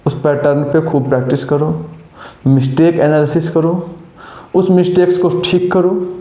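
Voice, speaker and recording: Male coaching teacher, warm higher voice, roomy echo, scolds and motivates. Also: flat delivery, a little slow. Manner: scolding and coaxing students with rhetorical questions. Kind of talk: motivational classroom talk.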